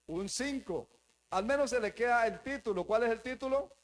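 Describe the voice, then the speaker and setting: A man's voice: very high-pitched, normal speed. A man preaching a sermon to his congregation as pastor, emphatic and repetitive, calling them brothers. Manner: emphatic, repeats phrases, addresses the congregation as brothers. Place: church, before a live congregation.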